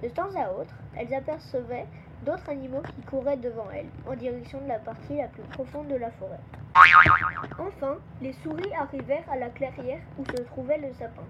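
High-voiced woman reading a bedtime story. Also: moderate pace. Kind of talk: reading a children's Christmas story aloud. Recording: dull lo-fi with clear background noise.

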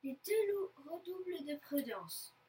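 A woman reading a children's story aloud, lively and expressive. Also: high-pitched, slow pace, far from the mic.

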